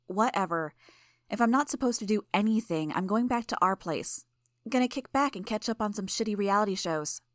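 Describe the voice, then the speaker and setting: A woman reading aloud and voicing a brash, bratty teenage girl villain who mocks and argues loudly. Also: mid-range voice, animated, brisk, dry recording, clean studio sound, voice pushed up, close to an everyday voice. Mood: teasing. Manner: loud, mocking and combative.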